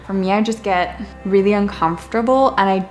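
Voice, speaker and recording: A woman's voice: mid-range voice, a little fast, soft background music. A woman talking casually and candidly about herself in an informal way. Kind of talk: casual talk to camera.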